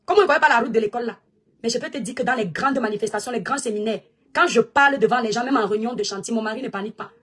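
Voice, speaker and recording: A woman speaking fires off a scornful, taunting rant at a rival. Her voice sits high and a little husky. She races through her lines without letting up. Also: very fast, a bit bright. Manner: taunting, mocking, insistent. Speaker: online personality answering a rival. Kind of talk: combative rant addressed to a rival.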